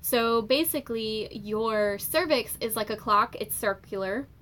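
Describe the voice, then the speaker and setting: Young woman vlogger, bright voice, casual storytelling with lots of fillers. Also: on the high side, a little slow. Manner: chatty, many fillers, animated retelling.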